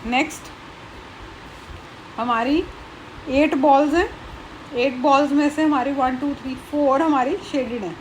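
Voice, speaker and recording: High-voiced woman teacher explaining math. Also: a little slow, long pauses, slight background noise, rough recording. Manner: explains patiently with frequent checks like "ठीक है"; counts items aloud one by one. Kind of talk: classroom math lesson.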